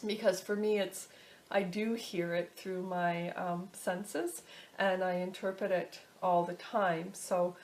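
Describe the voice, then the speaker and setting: Woman explaining in a halting way. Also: on the low side, fairly even intonation, a little mellow, a little hiss or hum. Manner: halting, searching for words as she explains. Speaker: instructor teaching a pendulum technique. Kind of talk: casual instructional video talk.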